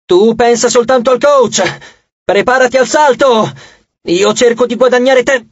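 A man voicing a fierce young Roman warrior woman who shouts commands in battle. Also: very high-pitched, unhurried, no room sound, lo-fi sound, voice pushed up, heavily acted. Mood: commanding shout.

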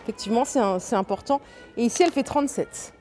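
A woman's voice: on the high side, quick pace, dark tone, faint music behind. A woman giving a chatty, enthusiastic shopping walkthrough inside a large furniture store, listing prices and sizes. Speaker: shopping vlogger. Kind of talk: casual store walkthrough vlog. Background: faint store ambience.

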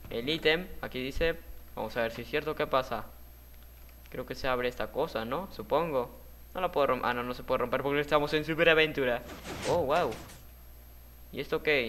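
A man's voice: mid-range voice, bright, forceful tone. Guy doing let's-play commentary, chatty, yelps and laughs when he messes up, normal mid voice. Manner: chatty, talks to viewers while playing; jumpy, yelps and laughs at his own falls. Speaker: gaming video host.

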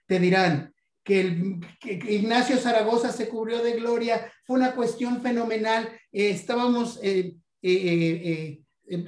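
Speaking in a high, somewhat mellow voice, a Mexican numismatics guest lecturer covers coin history. He often falters, repeating himself and filling gaps with "este", while the room gives off a roomy echo.

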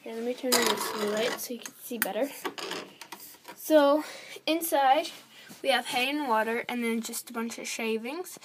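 A woman's voice: a little high, normal speed, noisy background. A young girl giving a casual, rambling tour of her toy horse barn, filmed indoors on a handheld phone. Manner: chatty, rambling, lots of fillers. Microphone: handheld phone camera close to toys.

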